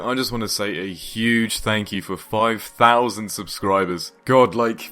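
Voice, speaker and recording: A man's voice: medium pitch, fairly bright tone. Upbeat young man answering viewer questions. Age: 20s. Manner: upbeat, casual and chatty, joking asides. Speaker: YouTube gaming channel host. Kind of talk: Q&A vlog voice-over.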